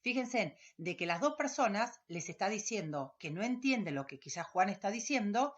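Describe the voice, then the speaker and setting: A woman's voice: medium pitch, animated, normal speed, dull audio. Argentine woman teacher explaining to a class. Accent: Argentine Spanish. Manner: explanatory, asks rhetorical questions with frequent checks of "sí?". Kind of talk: lecturing a class over slides.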